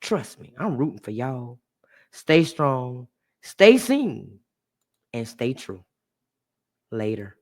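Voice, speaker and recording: A woman hosting a podcast, chatting warmly and casually with a guest and her listeners, laughing often. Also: extremely low pitch, slow pace, long pauses. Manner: animated, laughs often, talks to listeners as y'all. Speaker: podcast host. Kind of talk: casual heartfelt chat.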